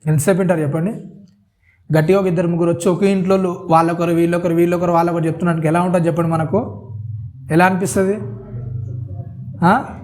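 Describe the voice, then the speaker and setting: A man's voice: high-pitched, fairly even intonation, fast talker, pauses often, a little mellow. A man preaching a sermon, constantly asking his listeners questions and repeating "isn't it so?".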